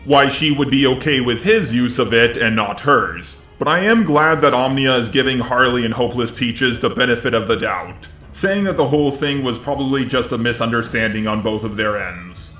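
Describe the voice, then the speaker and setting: Over faint background music, a man reading a YouTube commentary script speaks at average male pitch in a roomy, echoing space. His manner is measured and conciliatory, yet his intonation is lively, pushed and bright.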